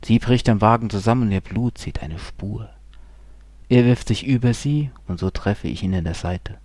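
A man reading a dark first-person horror story, brooding and slow, often dropping into hushed whispers. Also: lowish voice, no room sound. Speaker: narrator.

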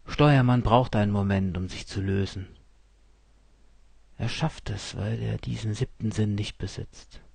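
Man reading a story aloud, low husky gravelly voice, calm and cold. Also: a little slow, no echo. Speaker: narrator. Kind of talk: first-person audiobook narration.

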